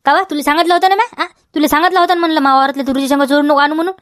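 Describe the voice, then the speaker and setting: A woman's voice: high-pitched, fairly even intonation, very fast, dry recording, studio quality, close to an everyday voice. A woman with a Vidarbha Marathi accent playing a scolding village farmer who nags and keeps tagging questions onto every line, in a comedy sketch. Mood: accusing. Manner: nagging, repeats demands, keeps tagging "हा?". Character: scolding village farmer man guarding his field.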